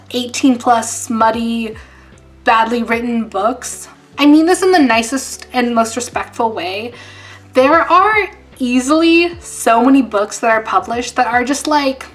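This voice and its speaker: Young woman vlogging, kinda hoarse, higher voice, rambly casual chat with lots of "like". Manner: chatty, filler-heavy, animated asides. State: losing her voice. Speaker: YouTuber.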